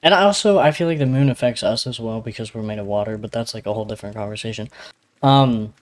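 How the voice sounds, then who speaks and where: A man's voice: on the low side, quick pace. Rambling man with a slight lisp. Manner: rambling, hedging explanations with many fillers. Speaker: podcast co-host. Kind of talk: casual podcast chat.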